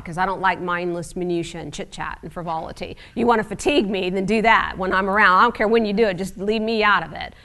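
A woman's voice: medium pitch, sharp tone. A middle-aged woman preaching a sermon in a conversational, wry teaching manner with frequent asides.

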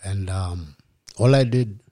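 A man in his fifties with a Kenyan accent, a podcast guest telling his life story in a reflective, unhurried way and slipping in Swahili words. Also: deep voice, mellow, no room sound. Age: 50s. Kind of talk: personal storytelling in a podcast interview.

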